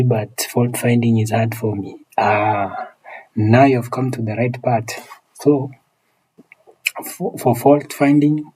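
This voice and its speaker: A Kenyan-accented man, a phone repair technician and live streamer, teaches repair and answers viewers in casual chat, often repeating his phrases. His medium-pitched voice is warm and slightly rough, and the recording itself is rough.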